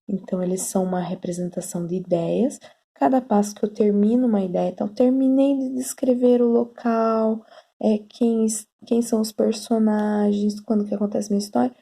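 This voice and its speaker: A woman teacher gives a patient online writing lesson, explaining slowly and checking in with her students often, frequently saying "tá?" and "né?". Her voice is medium-pitched, steady, gravelly and warm.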